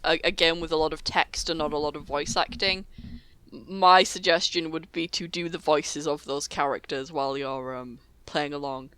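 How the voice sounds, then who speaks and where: A woman's voice: sits low, fairly even intonation, moderate pace, a bit bright, clean tone. A young woman co-hosting a casual podcast chat, giggly and loose. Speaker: podcast co-host.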